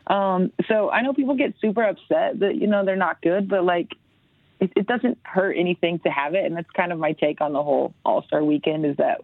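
A woman on a sports panel talks easygoing and upbeat, with lots of fillers. Her voice has a gravelly edge and comes through a tinny phone line, dry and narrow. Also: fairly low pitch, a little fast, no room sound. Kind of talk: casual sports chat.

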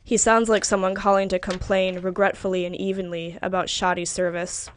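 A woman reading literary fiction aloud in a measured, even narration. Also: mid-range voice. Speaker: reader.

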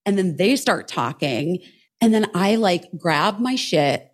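A woman co-hosting a podcast, telling a story in casual chat, animated and swearing freely while acting out what others said. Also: lowish voice, slow. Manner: animated, swears a lot, acts out quotes. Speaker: podcast co-host.

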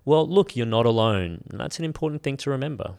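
A man with an Australian accent, a guest author talking in a podcast interview, animated and expressive with frequent ums. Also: mid-range voice, fast talker, creaky.

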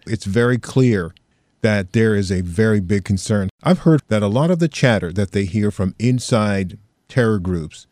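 A man hosting a podcast, delivering scripted narration and questions deliberately, with emphatic pauses. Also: on the low side, a little mellow, no room sound, studio quality. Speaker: podcast host and interviewer. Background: music.

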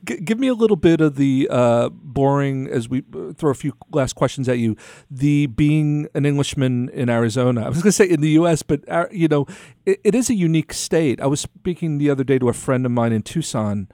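A man's voice: a little high, animated, fairly quick, dark tone, no room sound, clean studio sound. A man hosting a podcast interview, asking long, meandering questions with many restarts. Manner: rambling, searching questions with restarts. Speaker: podcast host. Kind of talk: casual interview.

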